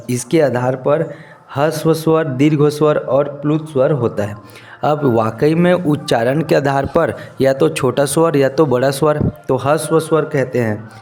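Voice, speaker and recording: A male teacher giving a lesson, who asks his students questions, answers them himself and repeats key terms slowly. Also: medium pitch, darkish tone. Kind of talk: classroom-style lesson.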